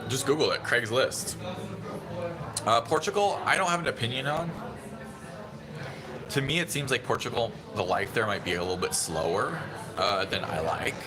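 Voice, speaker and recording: A man in his thirties, hosting a casual phone livestream, rambling in a relaxed way and answering viewer chat. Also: mid-range voice, normal speed, pauses often. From San Diego, USA. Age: 30s. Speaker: livestream host. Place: busy restaurant indoors. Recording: phone audio with busy restaurant chatter. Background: restaurant crowd chatter.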